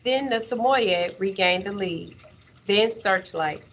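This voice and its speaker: A woman teacher reads a children's story aloud, expressive and measured, using dramatic pauses. Her voice is mid-range, and the recording carries a little hiss or hum.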